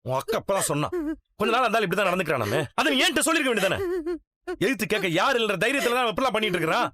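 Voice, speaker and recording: An actor playing a hot-tempered young husband in a Tamil TV serial, speaking angrily and forcefully. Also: male voice, high-pitched, big pitch swings, very fast, no room sound, studio quality, exaggerated voice. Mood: angry. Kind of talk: TV serial acting.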